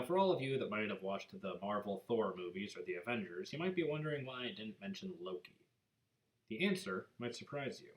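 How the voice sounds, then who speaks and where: A man's voice: on the low side, low-quality recording. A man narrating myths in an explanatory storytelling manner, as an informal lesson.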